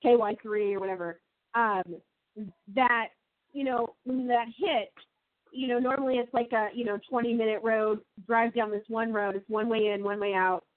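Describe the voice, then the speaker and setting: A middle-aged woman doing a casual phone interview, asking questions haltingly and trailing off as she takes notes. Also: fairly high pitch, steady tone, dry recording. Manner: halting, trails off while note-taking. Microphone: phone call. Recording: tinny dry phone-line sound.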